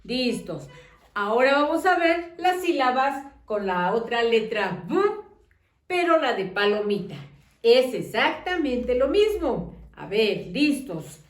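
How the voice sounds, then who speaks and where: A woman teacher leading a children's phonics lesson, drawing out syllables in a slow, sing-song way and praising often. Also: on the high side, sing-song, roomy sound, far from the mic.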